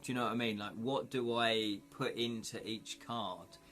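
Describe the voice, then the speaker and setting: With faint music in the background, a UK livestream host talks to viewers in a lowish, slightly bright voice with fairly even intonation and normal speed. His casual chat rambles as he thinks aloud, often saying "you know".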